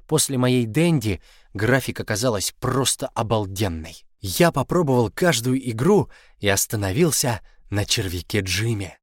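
A man narrating a first-person story in an expressive, scripted reading, slowing down to linger on key words. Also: lowish voice, no room sound, clean studio sound. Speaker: audiobook narrator.

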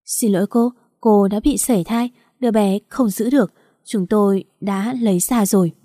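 A woman reading a calm old male doctor. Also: medium pitch, moderate pace, dry recording, studio quality, natural voice. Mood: solemn.

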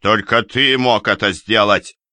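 A man voicing an enraged older man who shouts accusations at his son-in-law. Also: fairly low pitch, steady tone, a little slow, dry recording, voice pushed up. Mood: accusing.

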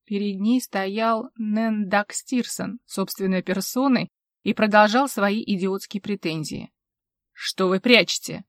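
A woman narrates a dark fantasy audiobook with an expressive, dramatic delivery. Her voice sits at an everyday pitch and sounds dry and close. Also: unhurried, dry recording. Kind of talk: scripted narration.

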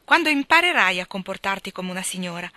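A woman's voice: medium pitch, big pitch swings, fast, sharp tone, dry recording. A woman reading aloud and voicing a strict, proper older mother who scolds her daughter. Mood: scolding.

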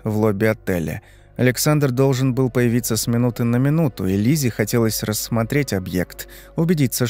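Man narrating over soft music. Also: mid-range voice. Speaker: storyteller. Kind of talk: scripted narration. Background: faint music.

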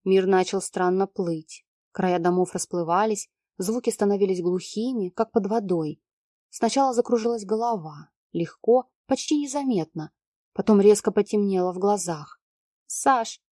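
A woman's voice: mid-range voice, moderate pace, dark tone, no echo, studio quality. A young woman reading a first-person story aloud as narrator.

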